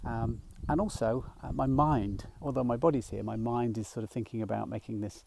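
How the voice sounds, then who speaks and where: A middle-aged man speaks softly and rambles a little as he walks through a field, slightly out of breath. His voice is low-toned, gravelly and mellow, with plenty of fillers and restarts. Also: steady tone, a little fast, a little hiss or hum. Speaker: nature mindfulness guide. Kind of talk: casual walking vlog. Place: outdoors in a field by a small woodland.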